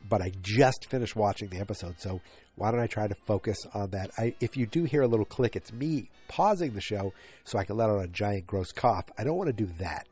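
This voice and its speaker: Talking fairly quickly in a low, husky, slightly mellow voice, a congested man in his forties hosts a solo podcast from home late at night. He rambles with many fillers and restarts while faint music plays behind him.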